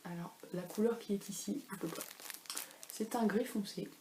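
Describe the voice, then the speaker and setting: A woman's voice: medium pitch, moderate pace. A woman in her thirties who hosts a knitting podcast, chatting casually at home in a rambling, self-deprecating way with lots of fillers. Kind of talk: casual chat. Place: home room. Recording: echoey room with faint ambient noise.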